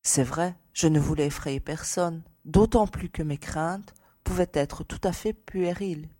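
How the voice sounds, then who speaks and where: In a dramatised audiobook, a woman plays a young lady giving testimony, frightened yet composed. Her breathy voice is low-pitched and dark, and she speaks unhurriedly in an uneasy, measured mood.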